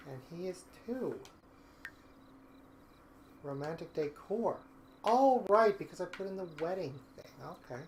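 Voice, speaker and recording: A man's voice: sits high, expressive, a little slow, long pauses, darkish tone. Man narrating his game to a stream. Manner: talks to the viewers and narrates his own play. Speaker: streamer playing a life-sim game. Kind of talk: casual gameplay commentary. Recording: computer fan noise in the mic.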